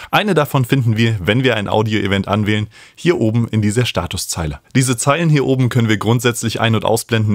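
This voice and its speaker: A man in his thirties with a lowish voice hosts and tutors music production, explaining step by step from a small indoor home studio room. He is recorded close on a studio microphone on a stand, with no room sound.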